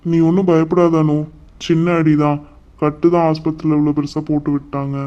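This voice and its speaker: A woman voicing a mild young husband, injured and trying to calm his wife and mother in a cartoon. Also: sits low, a little fast, muffled recording, voice pushed down, close to an everyday voice. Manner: soothing, tries to calm the quarrel. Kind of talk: cartoon voice acting.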